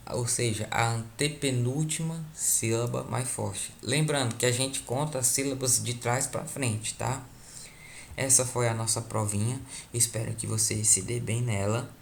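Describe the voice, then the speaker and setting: A man's voice: mid-range voice, a little hiss or hum. A man with a Brazilian Portuguese accent, a teacher patiently going over a school test, repeating key points and checking in with his students.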